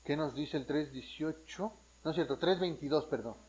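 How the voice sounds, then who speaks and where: A fairly high-voiced man from Mexico preaches a sermon as a pastor. He works through Bible passages in a teaching way and keeps checking in with his listeners. His delivery is full of restarts and quick self-corrections. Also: a little mellow, low-quality recording.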